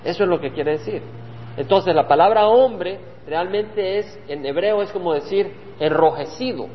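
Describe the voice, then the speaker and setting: A high-pitched man preaches a Bible study, earnest and driving his points home by repeating key phrases. The recording is dull and lo-fi, with a long hall reverb and a faint hum underneath. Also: normal speed. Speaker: pastor.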